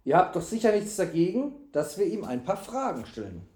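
A man voicing a calm, commanding knight who speaks firmly. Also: high voice, fairly quick, pitched above the performer's own voice. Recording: echoey room.

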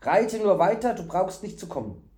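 Ein Mann spielt einen kindlichen, einfältigen Waldnarren. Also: male voice, sits high, big pitch swings, moderate pace, a little mellow, echoey room, voice pushed up. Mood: eager. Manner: eager, questioning, singsong repetitions. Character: simple-minded, childlike male forest fool.

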